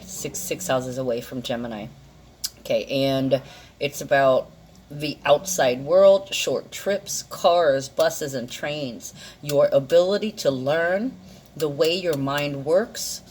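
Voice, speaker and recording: A woman's voice: sits low, slow pace, darkish tone, a little hiss or hum. A woman giving a casual, rambling card and astrology reading, thinking aloud and correcting herself, her articulation slightly off from a dental problem. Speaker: tarot and astrology card reader.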